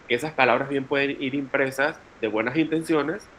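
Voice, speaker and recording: A man's voice: medium pitch, brisk, a bit bright, slight background noise, poor audio. A man with a Panamanian Spanish accent leading a teacher training session, explaining at length and calling on participants by name. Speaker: workshop facilitator.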